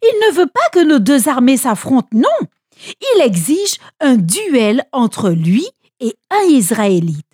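Woman voicing nervous soldier, raised voice, lively pitch, husky. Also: takes it slowly, dry recording, studio quality, exaggerated voice. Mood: uneasy. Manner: explaining in a raised voice. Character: nervous common soldier, man.

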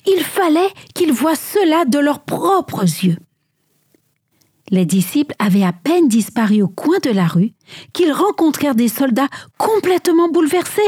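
A woman reads a story aloud with drama and animation, her high voice swooping widely and sometimes falling to a whisper. The recording is dry, with no room sound. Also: very animated, a little slow, darkish tone, no echo. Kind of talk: expressive storybook reading.

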